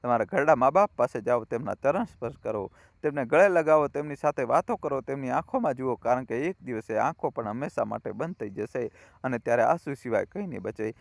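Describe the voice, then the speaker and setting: A man narrating a family story in a heartfelt, preaching manner, turning often to his listeners as friends. His voice sits at an ordinary pitch for a man. The recording is dry and close, with no room sound. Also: expressive, fairly quick, creaky, no room sound.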